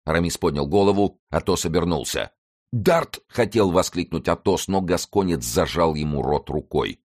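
A man reading an adventure novel aloud as narrator, steady and measured. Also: low-pitched. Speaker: audiobook narrator. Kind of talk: scripted narration.

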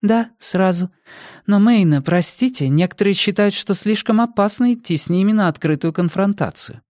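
A man's voice: sits high, normal speed, a little mellow, dry recording, studio quality, voice pushed up, close to an everyday voice. A man doing a deferential young female aide. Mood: cautious. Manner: polite, deferential.

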